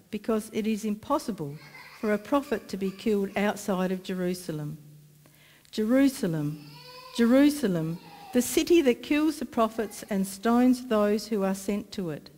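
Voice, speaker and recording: A middle-aged woman with an Australian accent, reading scripture aloud in a measured, careful way at a church lectern. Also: mid-range voice, dark tone. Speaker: scripture reader. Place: church sanctuary, indoors. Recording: long church reverb.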